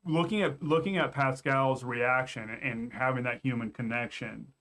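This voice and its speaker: A man's voice: mid-range voice, normal speed, a bit bright. A man co-hosting a fan review podcast in casual chat, earnest and given to stammered restarts. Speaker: podcast co-host.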